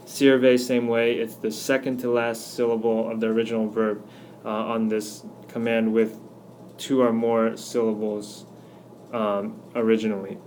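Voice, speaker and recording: A man teaching a recorded grammar lesson, walking through slide examples patiently and slowing down to spell out each one. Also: on the low side, monotone, darkish tone, slight background noise. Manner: patient, explanatory, slows down on examples. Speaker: Spanish teacher.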